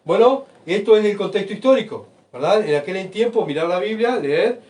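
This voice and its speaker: A man preaching a sermon, asking rhetorical questions and swinging between soft asides and loud emphatic bursts. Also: high voice, expressive, normal speed. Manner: rhetorical questions, keeps asking the congregation "¿verdad?". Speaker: pastor. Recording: voice picked up from far off.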